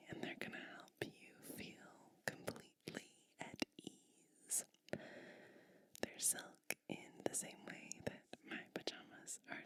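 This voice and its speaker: A woman performs a soothing ASMR roleplay in a whisper, playing a gentle, whimsical witch who helps listeners sleep. Her delivery is breathy and deliberate, with pauses between short phrases.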